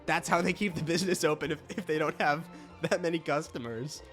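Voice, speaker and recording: A man's voice: fairly high pitch, steady tone, brisk, fairly bright tone, soft background music. A young man hosting a let's play, chatting casually with lots of fillers and easy laughs. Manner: rambling, filler-heavy, laughs easily. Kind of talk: casual gaming commentary.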